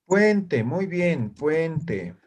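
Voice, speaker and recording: Students answer around him as a male language teacher leads a lesson, his slightly high voice sing-song and very slow. He keeps checking in with brief questions after nearly each phrase.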